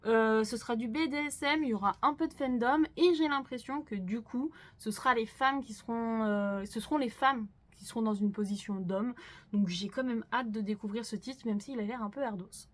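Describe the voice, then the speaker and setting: A young woman hosting a casual manga news talk to her viewers, chatty and candid, with frequent fillers. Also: medium pitch. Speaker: manga news channel host.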